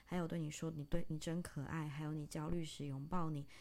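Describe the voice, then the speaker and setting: A woman giving a dramatic reading of a stage text, in short broken phrases and long run-on lists. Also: little pitch movement. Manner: intense, halting delivery in short broken phrases; long breathless list, spoken low and soft.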